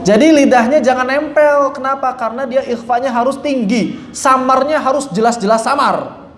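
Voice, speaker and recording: A man's voice: very high-pitched, moderate pace, fairly bright tone. A man teaching Quran recitation, correcting common mistakes and demonstrating right and wrong readings aloud. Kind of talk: tajwid lesson with recited examples. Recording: roomy echo.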